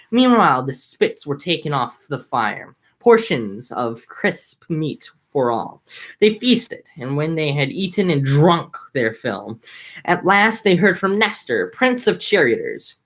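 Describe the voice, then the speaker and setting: A woman's voice: low voice, fairly bright tone. A woman reading an old epic aloud casually, breaking off for chatty, irreverent, self-mocking asides. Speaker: reader.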